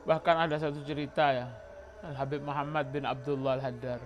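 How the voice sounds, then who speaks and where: A man with a mid-range voice and flat delivery talks fairly quickly as he preaches at a religious study gathering. Drawing on a religious book, he tells stories, performs quoted dialogue, and slips in Javanese and Arabic.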